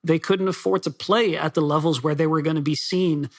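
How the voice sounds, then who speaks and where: A man who grew up in the Netherlands and Belgium, a soccer writer being interviewed, talking quickly and casually with fillers and restarts. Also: fairly high pitch, fairly even intonation. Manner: fast, chatty, with many fillers and restarts. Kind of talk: podcast interview.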